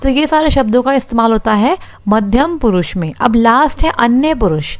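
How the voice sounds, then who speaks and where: A young woman teaches an online exam-prep grammar class. Her voice sits a little high and sounds dry and close to the mic, with no room around it. She reads each example sentence aloud, then asks the class a question and answers it herself. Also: lively intonation, normal speed, no echo.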